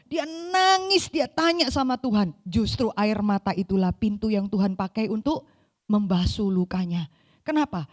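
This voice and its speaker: A woman vicar giving a seminar sermon, reading a passage and then telling stories in an expressive voice, now and then dropping in English words. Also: high-pitched. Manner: mixes English words into talk, addresses listeners as saudara; expressive, shifts between reading aloud and lively telling. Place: church seminar hall.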